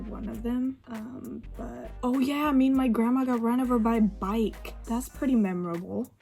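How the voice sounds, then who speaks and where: A young Swedish woman, a native Swedish speaker, vlogs in English while getting ready, chatting casually with lots of fillers and laughs. Her voice is mid-range and mellow, with faint music in the background.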